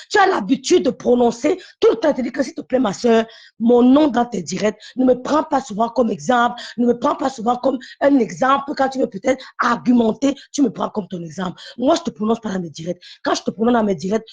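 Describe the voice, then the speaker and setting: A woman's voice: a little high, expressive, fairly quick, a little mellow, slightly rough, highs cut off. A woman calling into a live stream, talking in an insistent, repetitive, confrontational way. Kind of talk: heated live-stream call.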